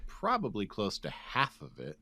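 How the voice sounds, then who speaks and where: A man co-hosting a podcast in casual chat, talking slowly and drily with frequent laughs. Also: on the low side, huge pitch swings, vocal fry, pushed and bright. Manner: slow, dry, laughing. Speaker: podcast co-host.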